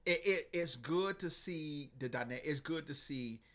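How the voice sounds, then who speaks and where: A man co-hosting a casual podcast, talking excitedly and acting out lines from scenes. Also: a little high, measured pace. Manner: excitable, acts out quotes from scenes with big voice swings. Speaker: podcast co-host. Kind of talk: casual chat.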